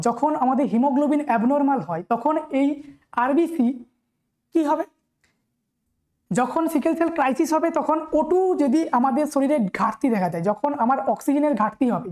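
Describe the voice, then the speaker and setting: A young woman with a Bengali accent runs a nursing exam-prep lesson in a high voice. She reads the questions aloud at an unhurried pace, then hurries through her explanations. She keeps checking in with her listeners as she goes. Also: darkish tone.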